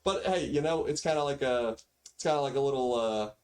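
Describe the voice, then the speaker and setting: A man's voice: mid-range voice, fairly quick, a little mellow. A man chatting casually as a game livestreamer, rambling in slangy, mildly grumbling talk on a cheap default microphone. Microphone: default backup microphone after main mic failed.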